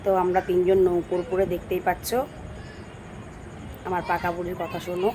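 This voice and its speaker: A woman with a hoarse voice chatting directly to her viewers in a casual home vlog, filmed on a handheld phone. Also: lowish voice, monotone, brisk, background noise. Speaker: vlogger. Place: at home, indoors and on a balcony.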